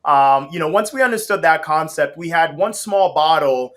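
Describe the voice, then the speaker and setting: Bright-voiced upbeat Haitian-born man. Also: on the high side, normal speed. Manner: upbeat, laughing easily, slangy and relaxed. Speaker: guest, brand co-founder. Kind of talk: casual interview talk.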